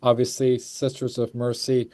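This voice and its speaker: Mellow, effusive man hosting a chat show. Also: medium pitch, completely flat delivery, moderate pace, no echo. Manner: effusive, rambling, repeats phrases. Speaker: show host. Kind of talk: casual chat.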